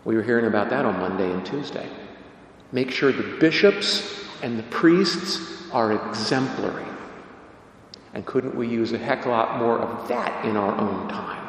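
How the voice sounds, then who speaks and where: Priest preaching in cathedral echo. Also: male voice, unhurried. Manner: emphatic, animated preaching with sudden rises in pitch. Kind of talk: gospel reading and homily. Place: large church. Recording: cathedral echo with long reverb, faint noise.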